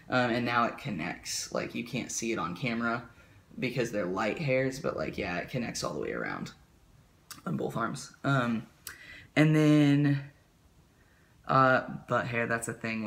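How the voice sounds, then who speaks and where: A young male vlogger talks casually to camera in a small bedroom with a ceiling fan, rambling with lots of fillers and "likes." His voice is medium-pitched, a bit bright, and prone to cracking.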